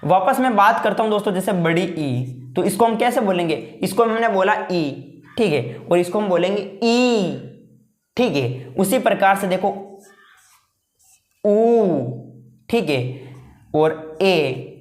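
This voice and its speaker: Male teacher in an echoey room. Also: high-pitched. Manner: asks rhetorical questions and answers them, repeating terms slowly; calls viewers friends. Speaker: Hindi grammar teacher. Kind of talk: video lesson explaining at a board. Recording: roomy echo.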